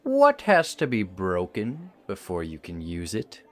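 A man's voice: lowish voice, huge pitch swings, measured pace, soft background music. A man hosting a riddle game, reading riddles theatrically and giggling between them.

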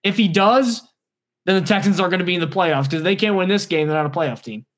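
A man with a fairly high speaking voice co-hosts a casual sports podcast. His delivery is wry and blunt, full of dry, sarcastic jokes. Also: fast, a bit bright. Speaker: podcast co-host.

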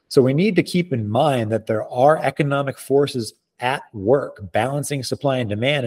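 A man speaking as an expert interview guest, explaining in articulate, measured, formal phrasing. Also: lowish voice, darkish tone.

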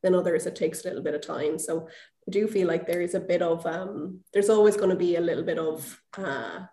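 A woman's voice: on the low side, fairly quick, mellow. Woman, former ref, chatty storyteller, lots of "you know", roomy echo. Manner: chatty storyteller, many fillers, acts out dialogue. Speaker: guest, former American football referee. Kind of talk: casual anecdotal interview.

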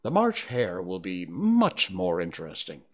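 A man's voice: low-pitched, huge pitch swings, a little slow, pitched below the performer's own voice, exaggerated voice. A man voicing a polite, curious young girl who is a little timid, in a raised, prim and careful voice. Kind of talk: storybook reading.

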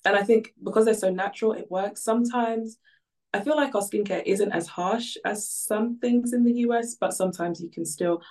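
A woman's voice: on the low side, darkish tone. A woman from Ghana, a guest on a podcast, chatting casually and upbeat with many fillers. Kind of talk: casual interview chat. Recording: distant from the mic.

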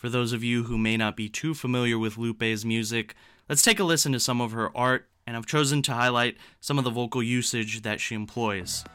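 A man's voice: mid-range voice, fairly even intonation, fairly quick, sharp tone, clean tone. Man hosting, reading prepared intros. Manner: informative, reads prepared segments. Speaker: podcast host. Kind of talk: scripted introductions and narration.

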